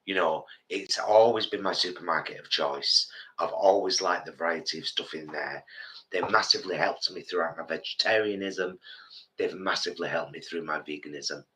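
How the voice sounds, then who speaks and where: Bunged up with a cold, a man from England in his fifties rambles animatedly through stories while casually co-hosting a live stream. He speaks low at a moderate pace, and the recording is rough.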